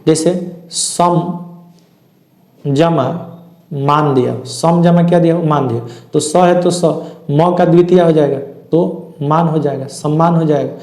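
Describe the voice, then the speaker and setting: A man's voice: on the high side, mellow. A man teaching a lesson, asking his own questions and then answering them as he works through each rule. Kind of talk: classroom lesson. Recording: echoey room.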